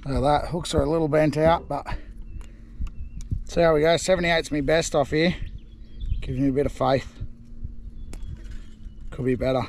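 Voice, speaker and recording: A middle-aged Australian man giving excited, laid-back commentary while fishing from a small boat, recorded on a chest-mounted action camera. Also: on the high side, moderate pace, long pauses, a little hiss or hum. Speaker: fishing vlogger. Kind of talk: casual running commentary. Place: small boat on a river outdoors.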